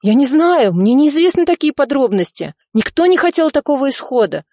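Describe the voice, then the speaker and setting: A cowardly, greedy male official, as a woman reading the story puts him on, talking in a high, shrill and frantic voice. He keeps pleading and protesting at a raised pitch, and the dry, close recording has no room sound. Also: sing-song, normal speed, warm tone, dry recording. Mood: panicked.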